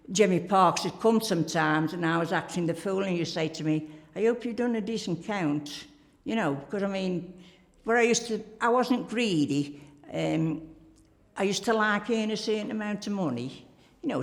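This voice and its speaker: A woman's voice: deep voice, vocal fry. An older woman, telling rambling, chatty stories about her working days in an interview, full of "like" and "you know". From Staffordshire, England. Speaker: interviewee, former pottery worker. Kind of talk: reminiscing interview storytelling. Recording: reverberant room.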